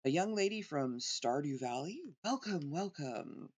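A woman voicing a mystical TV fortune teller from a video game, with theatrical, drawn-out delivery. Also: sits low, animated, darkish tone, slightly rough, exaggerated voice.

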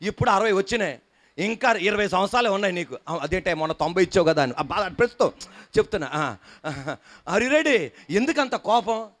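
A pastor with a high, animated, fairly bright voice talks fast as he preaches emphatically to a congregation in a church hall. He fires off questions and coaxes the listeners to respond, getting them to repeat after him and smile.

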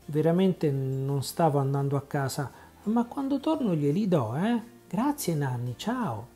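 A man voicing an eager young boy in a storybook reading, full of excited questions. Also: fairly high pitch, measured pace, faint music behind. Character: young boy traveling with his donkey.

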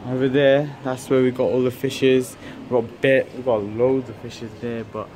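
A young male vlogger chats casually in a travel vlog, his medium-pitched voice moving at a normal speed. He sounds relaxed, slangy and rambling, captured on a phone camera with loud background noise.

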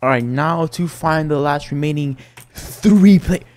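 Male gamer, live gameplay commentary, slangy, excitable, dark mellow tone. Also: a little high, a little slow. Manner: excitable, slangy, says "bro" constantly. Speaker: gaming YouTuber.

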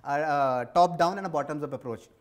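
A business executive in his forties with an Indian accent answers interview questions conversationally, repeating points for emphasis. His voice is a little high and brisk, recorded on a lapel mic in an indoor office lounge set.

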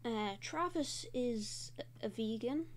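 Young woman host, fairly high voice, rambling casual chatter full of fillers, with faint background noise. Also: animated, takes it slowly. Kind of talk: casual draw-and-talk commentary.

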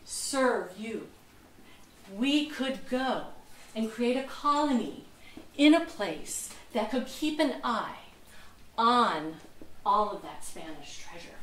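A woman's voice: a little high, very animated, slow pace, a bit bright, a little hiss or hum, exaggerated voice. Woman playing a persuasive courtly nobleman. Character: scheming male nobleman pitching a plan. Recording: echoey room, mic far off.

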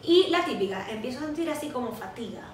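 Una mujer joven con acento venezolano, copresentadora de un pódcast, que cuenta en charla casual y animada una historia personal, riéndose de sí misma. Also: female voice, on the high side, fast. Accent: Venezuelan Spanish. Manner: animated storytelling, laughing at herself. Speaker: podcast co-host. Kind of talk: casual chat. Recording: echoey room, mic far off, faint hiss.

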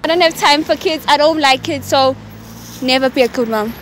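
High-voiced blunt teenage girl. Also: a little fast, background noise. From South Africa. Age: teens. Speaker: interviewee. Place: suburban street outdoors.

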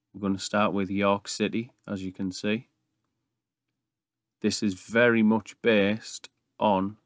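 Recording in a small brick-walled attic, a man in his thirties hosts laid-back game commentary for YouTube. He speaks with a fairly low pitch, and the studio-quality sound carries no echo.

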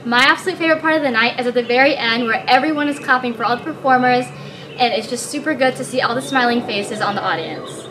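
A woman's voice: a little high, quick pace. A teenage girl, club president, speaking cheerfully to camera outdoors. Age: teens. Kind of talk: interview to camera. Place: school courtyard, outdoors. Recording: outdoor ambient noise.

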